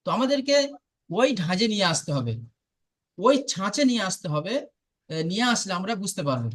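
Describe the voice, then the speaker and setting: A man teaches a lesson. He talks patiently and repeats each sound slowly. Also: high-pitched, very animated, a bit bright. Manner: patient and repetitive, slowly drills sounds aloud. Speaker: Arabic pronunciation teacher. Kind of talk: online lesson.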